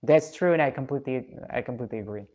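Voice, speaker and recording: A woman's voice: rumbling low, quick pace, dull audio. A woman from Russia, chatting casually on a live stream and reading out comments. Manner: chatty, reflective, laughs often.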